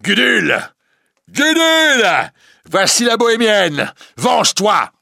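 A man's voice: fairly low pitch, very animated, measured pace, vocal fry, fairly bright tone, slightly rough, dry recording, studio quality, exaggerated voice. A man reading a story aloud, voicing a tormented, obsessive male priest who pleads and threatens with passion. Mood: furious shouting. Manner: passionate, pleading then menacing.

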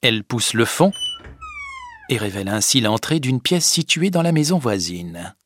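A man narrating a story with a slow, clear, deliberate reading. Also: medium pitch, animated, fairly bright tone, a little hiss or hum. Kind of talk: scripted audiobook narration.

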